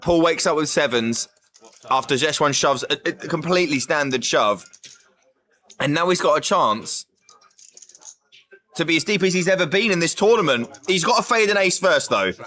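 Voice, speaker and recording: Man, live poker commentary, sharp bright voice, lively intonation, incredulous, emphatic, chatty. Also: fairly high pitch, normal speed, long pauses.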